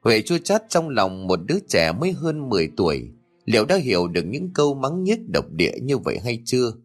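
A man narrating a scripted audio story in an expressive reading. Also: mid-range voice, brisk.

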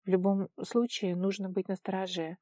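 A woman voicing a stubborn, sharp-tongued young woman who speaks in curt commands, in a storybook reading. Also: mid-range voice, flat delivery, normal speed, dry recording, studio quality, close to an everyday voice. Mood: tense.

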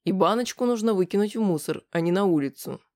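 The reader voicing a calm, menacing grown man who speaks slowly and quietly in an audiobook. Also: mid-range voice, close to an everyday voice. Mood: calm threat. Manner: slow, quiet, measured.

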